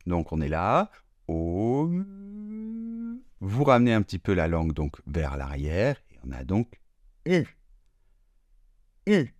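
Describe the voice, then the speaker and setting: A man teaching French pronunciation slowly and deliberately, drawing out sounds and repeating each word. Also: low-pitched, expressive, darkish tone, no echo. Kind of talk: slow, careful pronunciation lesson.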